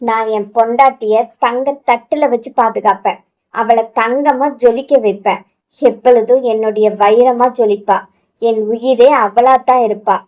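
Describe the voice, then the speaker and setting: Impatient young husband, a woman doing him, scolds fast, high bright voice. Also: fairly even intonation, dull audio, close to an everyday voice. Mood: tender, boastful. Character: young husband, hot-tempered but devoted.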